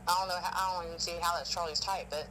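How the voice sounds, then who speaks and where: A man's voice: fairly high pitch, fairly even intonation, rapid-fire, sharp tone, slight background noise. A man telling stories on a phone call in a rambling, emotional way. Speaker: witness. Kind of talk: casual phone conversation.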